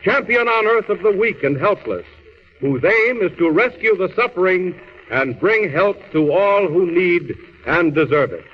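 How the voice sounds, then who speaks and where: In a dull, hissy old radio recording, a man narrates a superhero serial in a grand, declamatory 1930s style, sounding dramatic and urgent. His high voice is theatrical and unhurried, with lively intonation and crisp phrasing.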